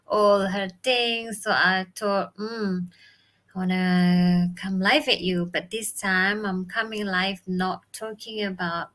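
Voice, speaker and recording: A woman's voice: medium pitch, a bit bright. A woman from Bali in her thirties with an Indonesian accent, chatting casually on a live stream from home, English not her first language, with many fillers. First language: Balinese or Indonesian, not English. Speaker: livestream host and business mentor. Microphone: phone or webcam live stream.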